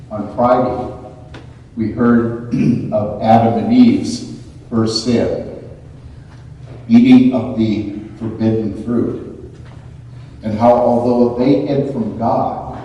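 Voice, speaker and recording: A man, a priest, reading the gospel and preaching a homily at Mass in a slow, measured way, his voice carried in cathedral echo. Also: lowish voice, warm tone, slight background noise. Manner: slow, measured delivery with repeated phrases. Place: large church. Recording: dull, distant, echoing church hall.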